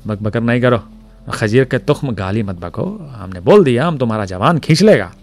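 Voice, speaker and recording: A man voicing a boastful, mocking Pathan man who taunts loudly in broken speech. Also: mid-range voice, animated, normal speed, soft background music.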